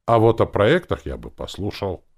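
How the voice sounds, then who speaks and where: A man voicing a gruff, good-natured male orc who talks in a rumbling grumble. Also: wildly swooping pitch, normal speed, exaggerated voice. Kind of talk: audiobook character voice.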